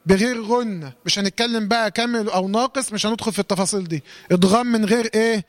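A high-pitched man with an Egyptian Arabic accent teaches Quran recitation, firing questions at his students and answering them himself. He draws out his examples in slow, careful recitation. The sound is close and dry, with no room echo. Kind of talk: Egyptian colloquial tajweed lesson.

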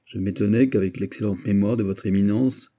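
Un homme qui lit et joue un noble comte fier, répondant sèchement et avec calme. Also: male voice, fairly low pitch, fairly quick, close to an everyday voice. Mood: sec. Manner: sec, impassible, réponses mesurées. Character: noble comte mousquetaire, fier, froid, digne.

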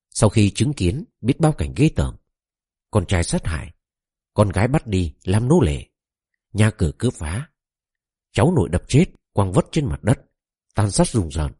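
A man reading the lament of a grieving old king begging his son to come inside the walls, in a low, husky voice. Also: dark tone, no room sound, clean studio sound, heavily acted. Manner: lamenting, pleading recitation.

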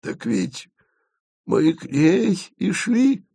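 A man's voice: mid-range voice, expressive, unhurried, vocal fry, breathy edge, no room sound, pitched above the performer's own voice, heavily acted. A man voicing a timid guide who speaks in old-fashioned folk phrases, in a dry recording. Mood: earnest.

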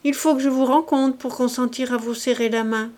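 A woman's voice: sits high, fairly even intonation, a little fast, a little mellow, pitched above the performer's own voice, close to an everyday voice. A woman voicing a plump, complaining middle-aged lady who reproaches an old friend in a plaintive, wheedling tone.

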